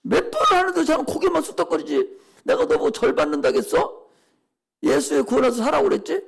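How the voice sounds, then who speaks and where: An older male pastor preaching a sermon with urgency. He repeats and shouts a prayer, then scolds the listeners informally. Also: very high-pitched, huge pitch swings, fairly quick, gravelly.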